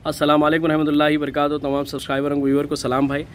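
A fairly high-pitched man shows a goat for sale in an outdoor pen, talking in a flat, even tone. He films on a handheld phone, and faint street noise runs underneath. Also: racing. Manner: flat, steady, repeatedly says "bhai". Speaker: goat farm seller. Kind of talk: casual sales walkthrough.

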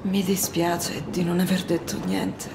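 A woman's voice: lowish voice, flat delivery, measured pace, vocal fry. A woman acting an ailing, apologetic young woman in a video game, sounding weak and unwell. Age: young adult. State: weak, unwell, low on strength. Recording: roomy, noisy game ambience.

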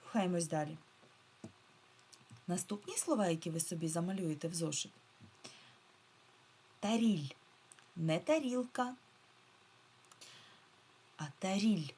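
A woman teacher giving a remote reading lesson to first graders, patiently repeating key words and stretching them out slowly, syllable by syllable. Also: lowish voice, lively intonation, darkish tone, slightly rough. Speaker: primary school teacher.

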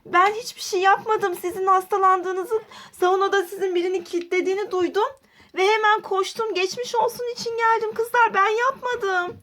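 A woman's voice: very high voice, steady tone, normal speed, pushed and bright. A woman voicing a desperate teenage girl accused of a crime, pleading and tearful in a doll roleplay.

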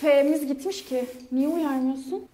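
A young woman vlogging outdoors at an abandoned site, excitable, jokey and easily scared. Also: sits high, measured pace. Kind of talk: casual vlog chat.

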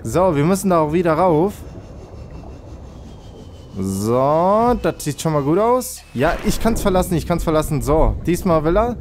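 Excitable German-speaking man gaming. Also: a little high, a little slow, slight background noise. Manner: excitable, yelps and pleads with his vehicle. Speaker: let's play host. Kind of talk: gameplay commentary.

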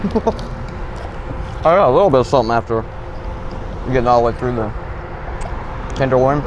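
A relaxed, easygoing man co-hosting a casual food review, talking while chewing, recorded outdoors in a parking lot by a food truck. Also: mid-range voice. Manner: relaxed, easygoing, quick to laugh. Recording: outdoor recording with loud traffic noise.

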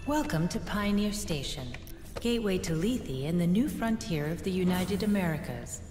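A woman voicing a calm, polite female station computer that makes announcements in a game. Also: lowish voice, normal speed. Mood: welcoming. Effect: public address announcement. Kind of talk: game voice acting. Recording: echoey hall with long reverb, music behind.

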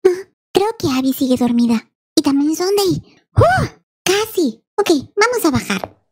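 A young woman narrating a mobile game playfully, talking in animated sing-song to babies. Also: very high voice, a little slow. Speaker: game video creator. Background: faint children's music.

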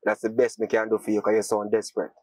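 A man with a Jamaican accent playing a fast-talking man who teases about money. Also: fairly low pitch, completely flat delivery, darkish tone, no room sound, natural voice, rough recording. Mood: taunting. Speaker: actor. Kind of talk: low-budget film drama.

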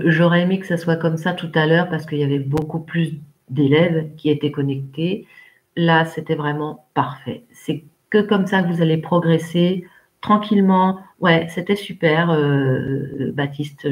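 A woman's voice: deep voice, darkish tone. A woman teaching English in a live online class, encouraging pupils and calling on them by name. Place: home, remote teaching.

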